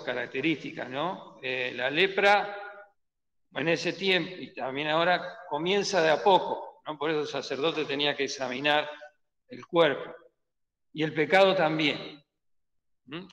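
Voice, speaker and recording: A man's voice: fairly high pitch, fairly bright tone. Earnest Argentine man teaching in echoey church. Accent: Argentine Spanish. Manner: earnest, pausing often with questioning "¿no?" and "¿mm?". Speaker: Sunday school teacher. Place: church hall. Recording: echoey church hall with long reverb.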